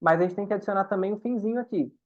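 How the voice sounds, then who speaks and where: A man's voice: high-pitched, racing. A man leads an online German lesson. He explains each rule patiently and keeps asking the students whether they follow. His voice comes through dull, lo-fi video-call audio. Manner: patient, explains with frequent checks to the class. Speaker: German teacher.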